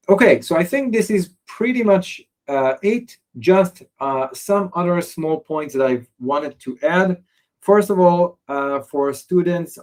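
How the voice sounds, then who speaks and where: Speaking at a medium pitch, an Israeli man gives a halting software demo walkthrough as its presenter, hesitating often and filling his speech with fillers and restarts.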